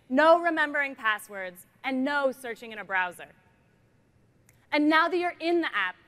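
Speaking into a headset mic on a big conference stage, a middle-aged woman presents a product demo. Her high voice stays bright and playful, and she drops jokes between the features.

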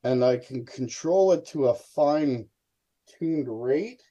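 Animated but slow-speaking, a middle-aged man with a mid-range, dark voice presents as a guest on a video call, with the highs cut off in the audio. He's a hobby experimenter casually demonstrating something live from a room indoors.

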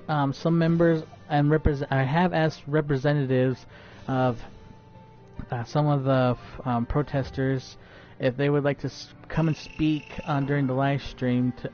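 In dull lo-fi stream audio with faint music behind, a man with a medium-pitched, steady voice talks unhurriedly as he plays a game live. His casual chatter is riddled with stutters, fillers and restarts.

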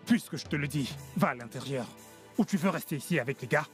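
An actor playing a domineering, indignant street gang boss in a dubbed film drama, scolding emphatically. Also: male voice, a little high, lively intonation, fast talker, soft background music, natural voice. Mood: curt, dismissive. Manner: scolding, emphatic, repeats himself.

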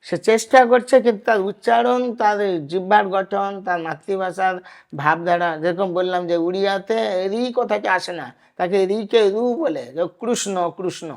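A man in a devotional discussion, explaining in an earnest, measured way. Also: high voice, gravelly.

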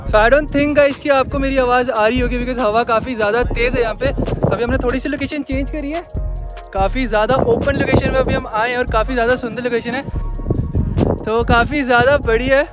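A man's voice: extremely high pitch, fairly even intonation, fairly quick, over loud music. A young man from Himachal Pradesh, chatting casually as a motovlogger on a windy open road, mixing English into Hindi and calling out to his viewers. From Himachal Pradesh, India. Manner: chatty, mixes English into Hindi, says "guys" a lot. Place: outdoors on a windy hillside road. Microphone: action camera mic.

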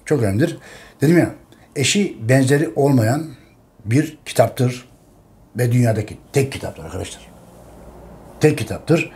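A man's voice: mid-range voice, animated, moderate pace, long pauses, a little mellow. A man in an impassioned monologue to his viewers, emphatic and urgent, repeating phrases and pleading with listeners. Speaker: channel host presenting his history book.

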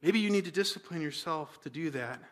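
High bright-voiced male pastor preaching. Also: animated, fairly quick. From United States. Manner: dynamic preaching, swinging from loud exclaims to hushed near-whispers. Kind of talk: sermon.

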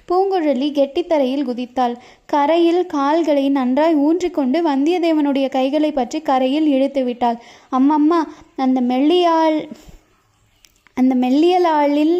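High-voiced woman narrating a novel. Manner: dramatic, expressive reading. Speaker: audiobook narrator. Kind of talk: storybook narration. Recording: dull lo-fi recording.

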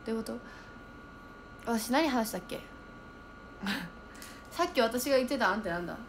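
Chatty young woman streamer, high voice. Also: moderate pace, slight background noise. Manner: chatty, lively, thinks aloud and reacts to comments. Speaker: idol livestreamer reading viewer comments. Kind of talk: casual livestream chat.

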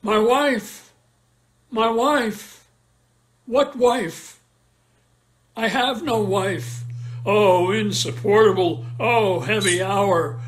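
In an online play reading over a video call, a man reads Shakespeare in a high-pitched voice. He voices a brooding, jealous, tormented middle-aged general, delivering the verse slowly and weightily in an anguished mood.

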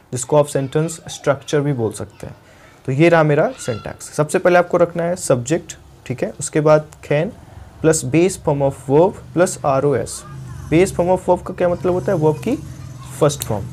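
Young male tutor, slightly raised pitch, patient, slow repetitions for pronunciation drills. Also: a little mellow. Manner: repeats words slowly to model pronunciation; explanatory, checks in with "thik hai" often. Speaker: English teacher. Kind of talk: spoken English lesson.

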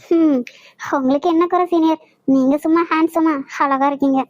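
A timid young college girl with a childlike, high voice and a Kanyakumari Tamil accent, voiced by a woman for this cartoon. She stammers and pleads nervously. The recording is dry and close. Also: steady tone, moderate pace, a little mellow, no room sound, dull audio, lightly acted. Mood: flustered.

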